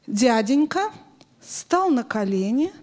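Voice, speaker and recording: A middle-aged woman teaching children through an interactive story, expressive and instructive, often putting questions to them, speaking into a handheld microphone in a hall. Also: fairly high pitch, slow. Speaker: children's Sunday school teacher. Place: large bright church hall with audience of children.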